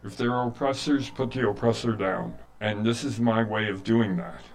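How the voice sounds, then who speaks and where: On a rough recording, a man in his late sixties speaks in a lowish voice at a moderate pace with fairly even intonation. A humanitarian aid volunteer from rural eastern Ontario with a Canadian accent, he tells his personal story earnestly and plainly in an interview.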